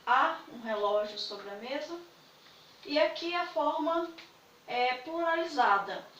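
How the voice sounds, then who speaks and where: A woman's voice: high voice, lively intonation, takes it slowly, a bit bright, echoey room, distant mic, a little hiss or hum, rough recording. A woman, patiently explaining English grammar in a video lesson and checking in with her students often. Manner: patient, repeats points with "né?" and "tá?". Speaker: English teacher.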